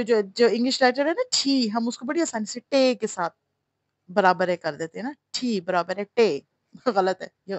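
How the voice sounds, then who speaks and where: A woman from Pakistan teaching an English lesson in a chatty, digressive way, slowly sounding out letters between asides. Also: medium pitch, dry recording. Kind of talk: casual Urdu-English language lesson.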